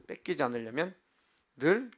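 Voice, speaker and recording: A male pastor preaching a sermon in church, acting out heartfelt prayers and swinging from soft to loud. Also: a little high, big pitch swings, moderate pace. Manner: acts out prayers and inner voices with big swings in loudness. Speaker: senior pastor. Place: church sanctuary.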